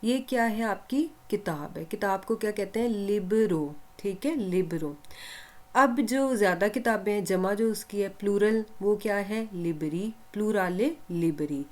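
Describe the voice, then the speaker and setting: A woman's voice: mid-range voice, unhurried, darkish tone. A woman teaching a language lesson step by step, asking questions and answering them herself, repeating key points and reassuring her students. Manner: reassuring, encouraging.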